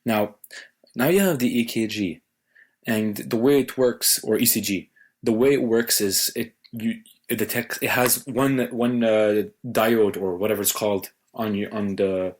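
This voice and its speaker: A young man co-hosting a casual tech podcast, teasing his friend and telling stories in a joking, animated way. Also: lowish voice, unhurried. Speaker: podcast co-host.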